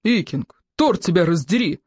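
A woman voicing a gruff, irritated Viking trainer who barks scolding orders. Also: on the low side, lively intonation, moderate pace, a little mellow, dry recording, clean studio sound. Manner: barking, scolding.

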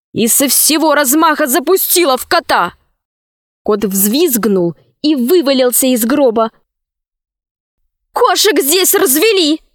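Slow expressive woman storyteller. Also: fairly high pitch, dry recording, clean studio sound. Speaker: narrator. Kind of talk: reading a children's fairy tale aloud.

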